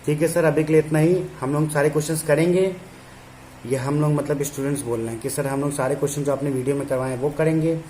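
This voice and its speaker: A man's voice: a little high, fairly even intonation, fast talker, dark tone, a little hiss or hum, close to an everyday voice. A man doing his eager students. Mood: playful.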